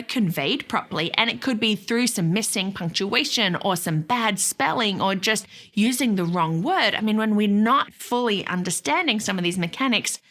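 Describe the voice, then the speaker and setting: Lively, bright-voiced woman teaching. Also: mid-range voice. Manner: expressive and emphatic, with playful asides. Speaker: educator. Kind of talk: casual teaching talk.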